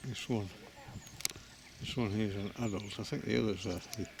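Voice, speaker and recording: A man with a lowish voice chats his way around an animal centre, thinking aloud and breaking off mid-sentence as he points his camera at the enclosures. He is recorded outdoors on a handheld camera, with bird calls and open-air noise clearly audible behind him. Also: fairly even intonation, fairly quick. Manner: chatty, musing, self-interrupting. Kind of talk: casual walking commentary.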